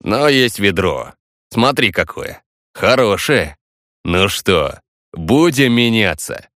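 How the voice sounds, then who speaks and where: A smirking street-gang leader, as a male audiobook narrator puts him on, drawing out each word in a slow, mocking drawl. The voice sits low and close, with a dry, deadened sound around it. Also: big pitch swings, a bit bright, no room sound, exaggerated voice. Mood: sly mocking.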